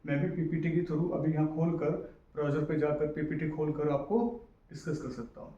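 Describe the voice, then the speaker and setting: A male history teacher giving a casual exam-prep lecture in mix, often checking in with his students by asking whether things are clear. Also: on the high side, flat delivery, fairly quick, mellow, lo-fi sound. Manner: repetitive, checks in with "clear guys?". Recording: echoey room, distant mic, faint hiss.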